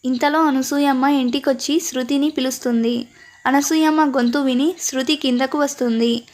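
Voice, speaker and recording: Woman storyteller, high voice, Telugu accent, reads all the parts herself. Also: steady tone, normal speed, darkish tone. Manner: reads every character's lines in her own voice. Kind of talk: scripted story narration.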